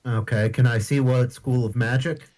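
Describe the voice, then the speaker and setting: A man's voice: mid-range voice, fairly even intonation, moderate pace, a little mellow. A man taking part in a tabletop role-playing game, talking casually as a player and partly in character.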